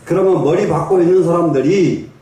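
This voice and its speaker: Speaking a little fast in a mellow, slightly high voice, an older monk delivers a homespun Buddhist sermon full of stories. He chuckles and keeps prompting the audience to answer; a far-off microphone captures heavy echo in a big meditation hall.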